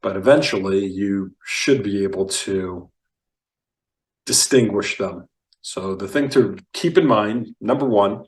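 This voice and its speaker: A man teaching Biblical Hebrew reading, slow and careful, enunciating each word. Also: fairly low pitch, reverberant, recorded from a distance, low-quality recording.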